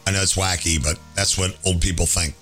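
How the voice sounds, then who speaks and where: A man in his late fifties hosting a podcast, chatting casually in an animated, jokey way with a slightly hoarse voice. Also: sits low, brisk, faint music behind. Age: 50s. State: hoarse from laryngitis. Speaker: podcast host.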